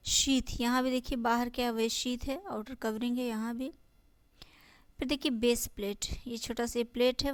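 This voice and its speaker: A woman teacher with an Indian accent, going through exam notes, reading English lines slowly and explaining them in Hindi, often asking and answering her own questions. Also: fairly high pitch, dry recording. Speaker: biology teacher. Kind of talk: exam-prep lesson.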